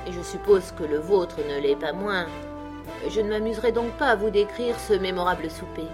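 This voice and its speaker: A woman reading a classic novel aloud in a measured storytelling manner. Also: on the low side. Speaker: audiobook narrator. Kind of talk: literary audiobook narration.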